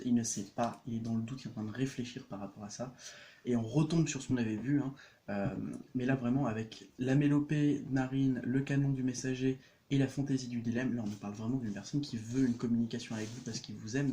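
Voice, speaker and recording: A man's voice: mid-range voice, a little hiss or hum. Hesitant man reading cards. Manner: hesitant, many fillers and restarts; gentle, reassuring spiritual advice. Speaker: tarot card reader. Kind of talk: casual card-reading video.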